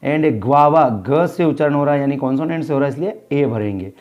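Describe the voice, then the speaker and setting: A man from India teaching an English workbook lesson, reading sentences slowly and explaining them in Hindi. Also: a little high, muffled recording.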